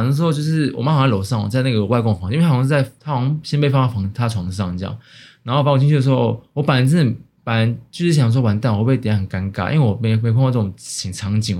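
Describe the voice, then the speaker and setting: A young man with a Taiwanese Mandarin accent, co-hosting a casual podcast chat, rambling with many restarts and quick laughs. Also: medium pitch, a little mellow. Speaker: podcast co-host.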